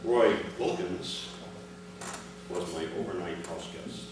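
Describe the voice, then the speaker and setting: A low-pitched man stands before an audience at a commemoration, reading his father's prepared memoir in deliberate, separated phrases. The recording, made from a distance in a big echoey room, includes clear background noise.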